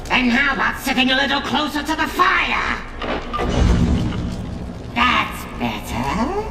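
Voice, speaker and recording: A man voicing a gleefully ghoulish undead horror host with a shrill rasp, theatrical and punning, on a TV show. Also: wildly swooping pitch, takes it slowly, exaggerated voice. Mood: gleefully macabre. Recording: roomy, distant, music underneath.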